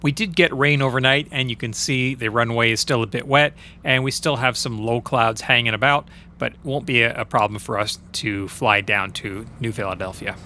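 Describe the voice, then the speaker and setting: A man, a private pilot, explains his flight in a relaxed, casual voice-over. His voice is bright and forward. A faint noise sits behind it. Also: mid-range voice, moderate pace, hardly any pauses. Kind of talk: casual vlog voice-over narration.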